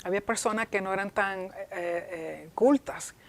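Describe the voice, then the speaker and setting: A woman's voice: medium pitch, moderate pace, vocal fry. A woman pastor teaching a class in an earnest way, often repeating herself and restarting her phrases.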